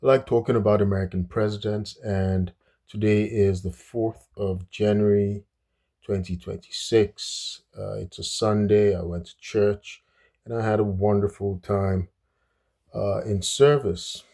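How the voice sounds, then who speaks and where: Man from Nigeria, solo commentary, slow halting delivery, lowish mellow voice. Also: steady tone. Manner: hesitant, many fillers and restarts. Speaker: political commentator.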